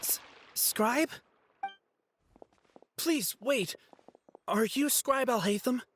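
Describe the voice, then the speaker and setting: A woman playing a proud, easily flustered young female student in a video game, speaking earnestly and a little haltingly. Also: on the high side, very noisy. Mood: hesitant, surprised. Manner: hesitant, earnest, indignant when challenged. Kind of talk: anime-style video game voice acting.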